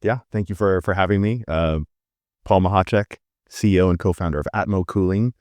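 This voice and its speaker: A middle-aged man, a company CEO, explaining his work in a relaxed, conversational way on a panel. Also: low-pitched, a little fast, dry recording, clean studio sound. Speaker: startup CEO.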